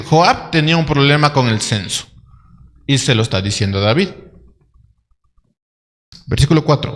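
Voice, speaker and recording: A man's voice: mid-range voice, a bit bright. Man preaching in a reverberant hall. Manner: conversational preaching with asides and rhetorical questions. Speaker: pastor. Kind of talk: sermon. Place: church.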